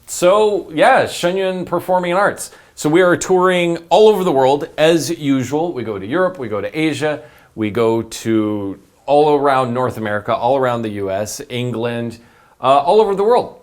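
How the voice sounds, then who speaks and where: A man's voice: a little high, lively intonation, normal speed, darkish tone. A man chatting casually and giving his commentary as a guest panelist.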